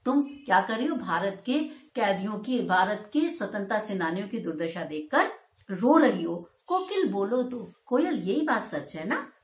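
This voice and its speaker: A woman teacher explaining a Hindi poem to school students, reciting the verse lines slowly and with feeling, then explaining them in plain speech. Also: mid-range voice, very animated, reverberant.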